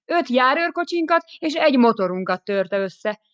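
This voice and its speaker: A woman's voice: high-pitched, lively intonation, fairly bright tone, clear, resonant tone, no echo, lo-fi sound, voice pushed up. A woman reading an audiobook, voicing a nervous, apologetic male police lieutenant who is flustered and deferential.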